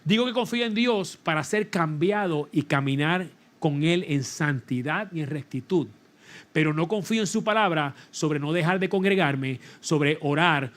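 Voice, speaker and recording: Animated pastor preaching. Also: male voice, fairly high pitch. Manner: animated preaching with laughter and call-and-response. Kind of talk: sermon. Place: church sanctuary.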